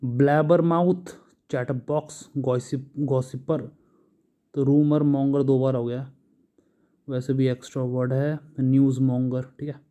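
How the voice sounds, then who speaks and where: A man with an Indian English accent works through vocabulary lists in an unhurried, drawn-out way. His voice is notably dark and mellow, and he pauses patiently after each word. He sounds like a teacher explaining each term at a steady, careful pace. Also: mid-range voice. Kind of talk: explaining English words in Hindi.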